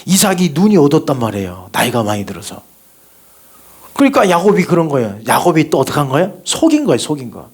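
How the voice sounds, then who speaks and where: A Korean male pastor delivering a sermon in a church sanctuary with a fairly high voice. He keeps asking rhetorical questions and calls for the congregation to repeat after him. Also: very animated, quick pace, darkish tone, husky. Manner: rhetorical questions, call and response.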